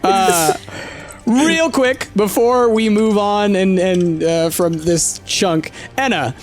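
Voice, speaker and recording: A man's voice: high voice, takes it slowly, faint music behind. A man narrating as game master in a tabletop roleplaying game, with a playful manner.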